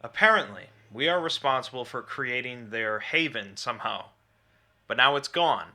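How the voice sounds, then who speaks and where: A man's voice: mid-range voice, animated, moderate pace, pushed and bright. A man reading a scripted, dramatic explainer as a narrator. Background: background music.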